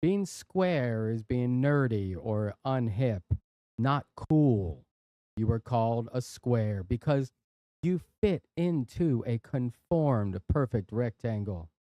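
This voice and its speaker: A man's voice: mid-range voice, dark tone, dry recording. A man hosting a live stream from his workshop, chatting casually and playfully reading out viewer jokes. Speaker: livestream host. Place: workshop and studio.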